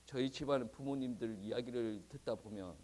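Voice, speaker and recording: A male pastor preaching a sermon in a conversational, animated way, often chuckling. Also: medium pitch, normal speed. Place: church.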